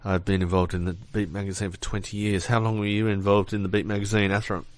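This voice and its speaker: A man's voice: fairly low pitch, little pitch movement, quick pace. A middle-aged man hosting a radio show, giving brief prompts and announcing the station in a casual studio chat. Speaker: radio host.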